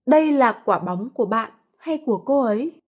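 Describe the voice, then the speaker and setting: A woman reading translations of short phrases in an even, plain manner. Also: fairly high pitch, fairly quick, breathy edge. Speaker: Vietnamese translation reader.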